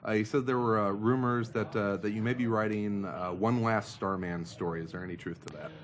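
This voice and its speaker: A man hosting a podcast, reading out listener questions in a relaxed way with many fillers. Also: fairly low pitch, a little fast. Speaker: podcast host. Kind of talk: casual podcast chat.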